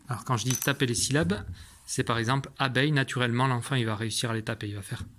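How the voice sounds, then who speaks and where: A man's voice: mid-range voice, a bit bright. A man, a primary school teacher, patiently explaining a homework routine to parents from his classroom, with many fillers and restarts.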